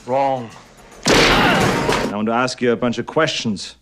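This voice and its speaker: A man's voice: medium pitch, wildly swooping pitch, slow pace, pushed and bright, soft background music, full character voice. A man playing a menacing action-film tough guy, terse and commanding.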